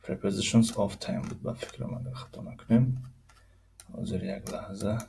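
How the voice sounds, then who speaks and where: Tajik man teaching english, low gravelly voice, slow repeats with lots of fillers. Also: flat delivery, dark tone, slight background noise. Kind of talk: recorded grammar lesson.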